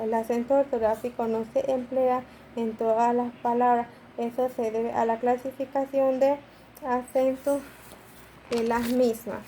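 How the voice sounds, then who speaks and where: A woman's voice: a little high, dark tone, slight background noise, low-quality recording. A woman student reading a class presentation aloud to her teacher, listing examples one by one.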